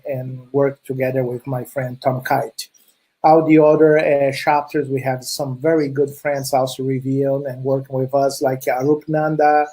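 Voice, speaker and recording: A middle-aged Chilean man, a native Portuguese speaker with a Brazilian Portuguese accent, gives a friendly conference presentation full of fillers and restarts. His voice is medium-pitched and mellow with a breathy edge, captured on a low-quality recording.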